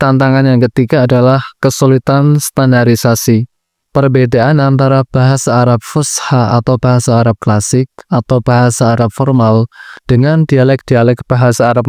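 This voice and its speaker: A man explains his lesson in a patient, steady way, breaking his ideas into short clauses. His voice is mellow and smooth. The recording is close and dry. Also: medium pitch, no room sound. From Central Java, Indonesia. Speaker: Arabic language teacher. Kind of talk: educational lesson.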